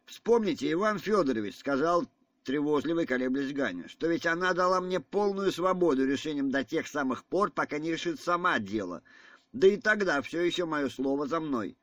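A man's voice: mid-range voice, animated, normal speed, fairly bright tone, no room sound. A man voicing a nervous, ambitious young man in an audiobook reading, speaking hesitantly and defensively.

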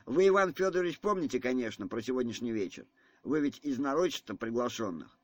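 A man voicing an agitated, insistent elderly general in an audiobook reading, speaking in an excitable manner. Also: mid-range voice, brisk, no room sound, natural voice.

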